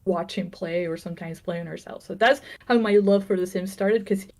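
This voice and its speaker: A woman's voice: on the low side, moderate pace, over a noisy crowd. A woman in her thirties from Venezuela, a game developer chatting casually on a livestream, laughing often and joking about herself.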